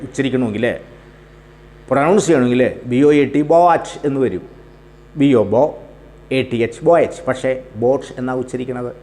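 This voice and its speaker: A man's voice: medium pitch, darkish tone. A man teaching grammar and pronunciation in his words. He explains patiently, spells words out letter by letter and repeats them. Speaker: English teacher. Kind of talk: spoken English grammar lesson.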